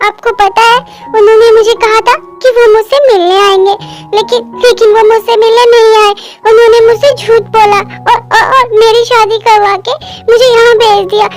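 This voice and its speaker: A woman voicing a grown woman in a clingy, childlike little space, whining and stammering in an amateur fan dub. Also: extremely high pitch. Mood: tearful. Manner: whiny, stammering childlike pleading.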